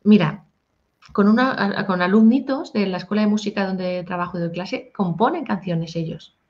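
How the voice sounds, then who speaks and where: A woman, a singer-songwriter and music teacher talking casually in an interview, animated and chatty. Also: medium pitch, normal speed. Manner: animated, sings short improvised snippets. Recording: dull lo-fi audio.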